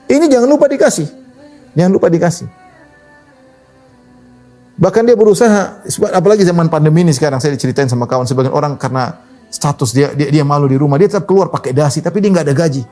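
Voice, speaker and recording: A man preaching a sermon, telling stories in an animated, conversational way with wide swings in pitch. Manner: casual conversational phrasing. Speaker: Islamic preacher.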